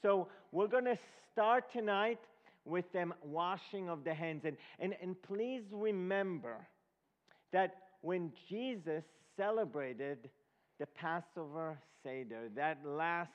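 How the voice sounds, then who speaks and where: A high-pitched, animated man from Israel preaches to a congregation as a guest leading a Passover presentation, teaching haltingly and checking in with questions to his listeners. The ceremonial sermon is delivered before an audience in a large, echoing room, captured on a dull lo-fi recording.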